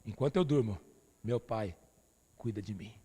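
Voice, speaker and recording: A man's voice: on the low side, normal speed, warm tone, slightly rough, big-room sound. A Brazilian man preaching a sermon as pastor, emphatic and familiar, calling his listeners "dear". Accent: Brazilian Portuguese.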